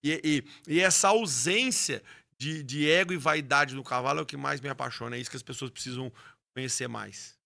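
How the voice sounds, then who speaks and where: A man's voice: mid-range voice, fairly quick, gravelly, pushed and bright. A man, a rodeo announcer and horse trainer telling his story with passion in an interview, often restarting his words. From Brazil. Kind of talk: interview conversation.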